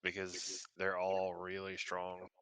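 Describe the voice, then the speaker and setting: A man's voice: deep voice, completely flat delivery, slow pace, fairly bright tone, clear, resonant tone, no room sound, low-quality recording. A man co-hosting a podcast, explaining card game rules in casual chat. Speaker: podcast co-host.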